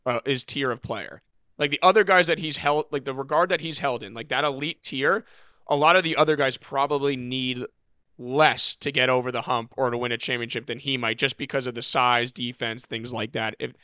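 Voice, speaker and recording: Podcast co-host, male, bright crisp voice, loose rambling sports chat. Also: mid-range voice, no room sound. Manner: rambling, self-correcting, many "like" fillers.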